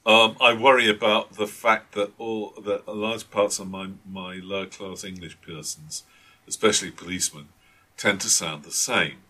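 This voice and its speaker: A man's voice: fairly low pitch, fairly even intonation, normal speed, pushed and bright. A man, a tabletop game master, chatting casually and hesitantly with many restarts and fillers. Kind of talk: casual chat.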